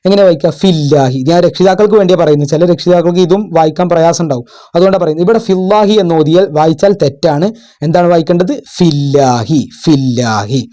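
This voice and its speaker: Man, tutor, patient, repeats himself, raised pitch, mellow tone. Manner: patient, repeats and asks questions. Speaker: madrasa tutor. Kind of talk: explaining exam answers.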